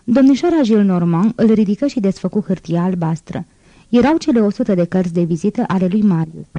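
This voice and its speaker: A woman narrating an audiobook in a measured, clear reading. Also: mid-range voice, lively intonation, mellow, no echo, highs cut off. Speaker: audiobook reader.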